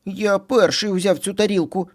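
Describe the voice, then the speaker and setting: A man's voice: sits high, steady tone, normal speed, voice pushed up, close to an everyday voice. A man voicing two squabbling little boy bunny brothers in a storybook reading, whiny and bickering.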